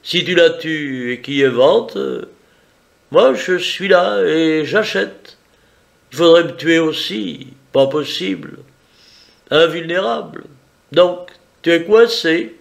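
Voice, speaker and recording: Arsène Lupin, a man doing a higher voice. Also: lively intonation, slow, creaky, heavily acted. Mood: confident. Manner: teasing, confident, bargaining. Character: suave, mocking gentleman thief, adult man.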